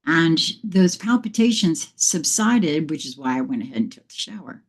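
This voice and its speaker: A woman's voice: deep voice, lively intonation, moderate pace. A woman hosting a casual live morning chat, a little out of breath, telling reflective, meandering spiritual stories. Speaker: live stream host.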